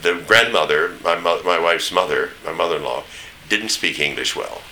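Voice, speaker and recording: A man's voice: sits low, expressive, moderate pace, sharp tone, slight background noise, rough recording. An elderly man with a standard American accent reminiscing in a rambling, anecdotal way, searching for names as he goes. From East Tennessee, United States. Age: older, 70s or above. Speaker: interviewee recounting memories. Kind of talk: oral history reminiscence.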